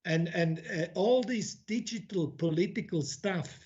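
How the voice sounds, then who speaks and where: An academic who grew up in Switzerland gives a conference talk, thinking aloud with many restarts and repeated words. He is blunt and makes informal asides. His voice sits high and a little mellow, his pace is measured, and the recording is muffled.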